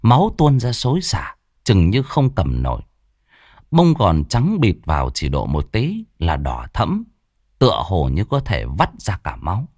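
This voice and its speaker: A man's voice: low voice, huge pitch swings, measured pace, a little mellow, dry recording, studio quality. A man telling a ghost story in a vivid, dramatic way. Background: faint music.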